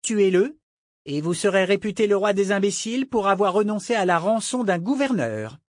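A woman's voice: mid-range voice, expressive, normal speed, no room sound, clean studio sound, voice pushed up, close to an everyday voice. A man voicing a defiant young merchant's daughter who talks with scorn and command. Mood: scornful.

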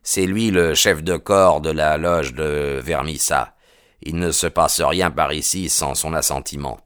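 A man's voice: rumbling low, unhurried, fairly bright tone, clear, resonant tone, no echo, clean studio sound. A man doing a chatty, confiding miner. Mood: advising.

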